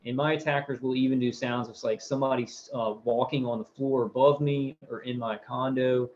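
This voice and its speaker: A man's voice: medium pitch, steady tone, a little fast, a little mellow, slight background noise. A man in his thirties hosting a casual live stream, rambling through viewer comments with lots of fillers and repeated words. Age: 30s. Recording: dull lo-fi audio.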